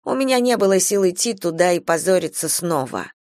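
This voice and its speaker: A man reading a first-person literary novel aloud as an audiobook, in an even, measured way. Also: sits high, dry recording, studio quality. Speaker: audiobook reader.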